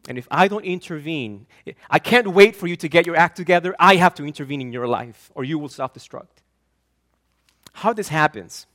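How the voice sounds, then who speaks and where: A man's voice: fairly high pitch, expressive, normal speed, a bit bright. A man from Argentina, a pastor preaching an earnest, emphatic sermon that often repeats and restarts words.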